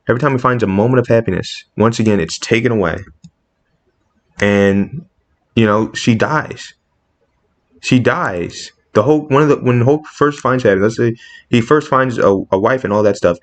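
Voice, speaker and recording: Impassioned man ranting casually. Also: mid-range voice. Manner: impassioned, rising sharply when indignant. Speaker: comics commentator. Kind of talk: casual opinion monologue.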